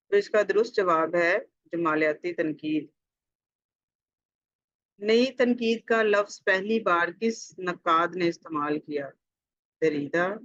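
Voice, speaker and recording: Reading out multiple-choice exam questions and their answers, a tutor with a Pakistani Urdu accent talks deliberately, repeats each question and sprinkles in conversational fillers. His mid-range voice is a bit bright, and the dry recording sounds dull and lo-fi.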